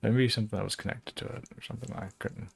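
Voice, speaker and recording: A man muttering and swearing at his software under his breath while he works at a computer. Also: on the low side, steady tone, fast talker, vocal fry, husky. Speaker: streamer fixing computers. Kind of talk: casual muttering to himself while working at a computer.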